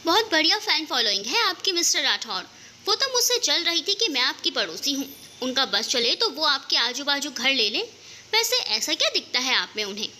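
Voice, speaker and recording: Woman doing a witty young woman, storybook reading, high pitch, bright tone. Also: sing-song, moderate pace, slight background noise, heavily acted. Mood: teasing. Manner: witty, teasing.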